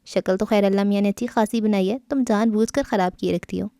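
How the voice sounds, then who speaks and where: Female reader voicing a teasing, coaxing young woman; warm and dry. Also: medium pitch, steady tone, creaky, smooth, no room sound, lightly acted. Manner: playful, coaxing.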